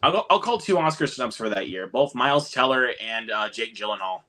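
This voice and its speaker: Brief: an opinionated man in casual film talk, bright and animated. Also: medium pitch, fairly quick. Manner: opinionated, repeats words.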